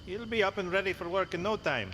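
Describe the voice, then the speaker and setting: An actor playing a dryly morbid rural coffin maker in a game, deadpan and matter-of-fact. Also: male voice, high-pitched, quick pace, in a large hall, slight background noise. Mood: dry, plain.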